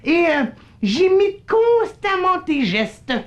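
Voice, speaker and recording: A woman's voice: very high voice, very animated, takes it slowly, lo-fi sound, heavily acted. A woman voicing a mischievous male living shadow with a teasing, slightly haughty manner, in a children's puppet show.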